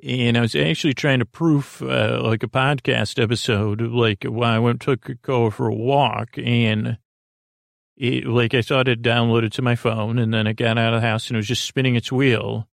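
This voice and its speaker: A man hosting a sleep podcast rambles softly at bedtime, making fun of himself and breaking off his own hesitant sentences. His creaky voice has fairly even intonation and a moderate pace. The studio-quality recording has no room sound.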